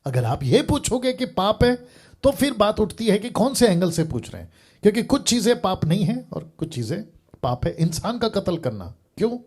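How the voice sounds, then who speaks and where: A man's voice: high voice, sing-song, moderate pace, darkish tone, breathy edge. Earnest man preaching to a caller. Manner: earnest, reasoning by everyday examples, repeats "sir". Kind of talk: live call-in Q&A.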